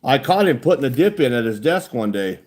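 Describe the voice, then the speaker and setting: With a lip full of dip, an American man in his 40s livestreams and chats casually with his viewers, folksy, blunt and heavy on the swearing. His medium-pitched voice is very animated and brisk.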